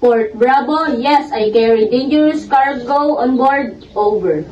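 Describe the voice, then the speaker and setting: A woman's voice: sits high, a little slow. A woman playing a ship's radio operator calling port control over marine radio, using formal call-and-over procedure. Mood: calm. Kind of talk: scripted radio dialogue. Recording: distant, roomy, dull, faint hiss.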